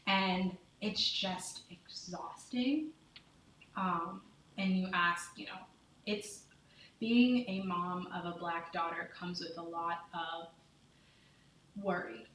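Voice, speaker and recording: A woman speaks in a low, earnest voice, choosing her words with care. Her heartfelt, deliberate talk is caught from a distance. The room rings with a heavy echo, and there is faint noise behind her. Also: steady tone, a bit bright. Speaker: podcast guest, mother. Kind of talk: candid conversation.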